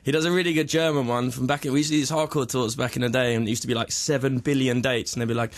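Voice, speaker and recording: A man's voice: medium pitch, steady tone, very fast. Laid-back rambling male musician. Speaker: musician guest. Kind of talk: casual radio interview.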